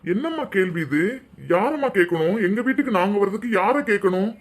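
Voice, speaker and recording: A man's voice: high voice, lively intonation, brisk. A man voicing a cheerful young adult son in a cartoon, who pleads with and coaxes his mother, with a Tamil Nadu accent. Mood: pleading. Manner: coaxing, pleading, playful. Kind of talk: cartoon voice acting.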